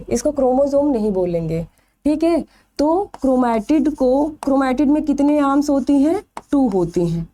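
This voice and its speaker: Woman, biology teacher, lively high voice with a mellow tone, quizzes the class and answers herself. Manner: asks questions then answers them herself, stretching key terms. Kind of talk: exam-prep lecture.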